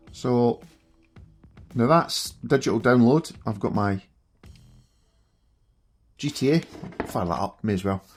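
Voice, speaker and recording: A man's voice: medium pitch, breathy edge. A middle-aged man with a broad Scottish accent, giving chatty, self-deprecating live commentary as he plays games. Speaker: streamer reviewing a gaming handheld. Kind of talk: casual live gameplay commentary.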